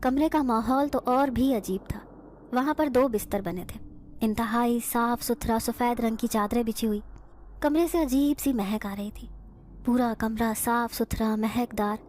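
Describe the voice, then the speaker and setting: Woman storyteller, emotional first-person horror narration, slightly high voice. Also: a little mellow, slight background noise.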